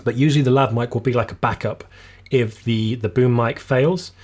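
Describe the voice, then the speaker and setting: A man hosting a live videography Q&A stream, explaining gear casually, slightly losing his voice, recorded on a boom shotgun mic in a small room. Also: fairly even intonation, moderate pace, darkish tone, husky. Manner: casual, explanatory, reads viewer comments aloud. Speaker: videography channel host. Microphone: shotgun boom mic just out of shot.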